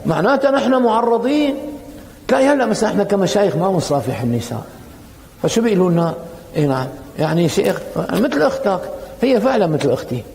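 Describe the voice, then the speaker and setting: A man's voice: sits high, racing, long reverb tail. A man preaching a colloquial sermon, telling stories and acting out the dialogue. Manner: animated, acts out quoted dialogue in storytelling.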